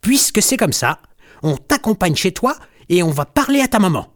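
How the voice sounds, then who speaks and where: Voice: medium pitch, sing-song, moderate pace, voice pushed up, lightly acted. A storyteller voicing a bossy little girl kitten who protests indignantly in a storybook. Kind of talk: storybook reading.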